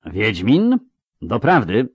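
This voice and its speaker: A man's voice: fairly low pitch, huge pitch swings, takes it slowly, slightly rough, dry recording, lo-fi sound, voice pushed up, heavily acted. Guy reading as a nasty sneering bounty hunter, hissy, dry close sound. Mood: mocking. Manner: sneering, hissing. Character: ruthless older male bounty hunter, menacing.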